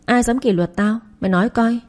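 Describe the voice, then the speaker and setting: Lady reading a bratty rich schoolboy, bragging and taunting, warm mellow voice. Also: on the high side, fairly quick, pitched above the performer's own voice, close to an everyday voice. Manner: boastful, taunting. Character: brash rich schoolboy bully, teenage boy.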